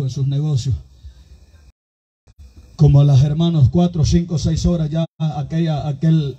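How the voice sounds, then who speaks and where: A man's voice: a little high, mellow, husky, highs cut off. A man preaching a fervent sermon, with a strong voice and constant calls to his "brothers.". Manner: impassioned, repeatedly addressing listeners as brothers. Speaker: pastor.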